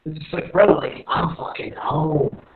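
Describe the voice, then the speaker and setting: Male guest from New Jersey, slightly high voice, slangy and upbeat, tinny echoey call line. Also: a little slow. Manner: enthusiastic, slangy, swears casually. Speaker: rapper guest. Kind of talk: casual interview chat.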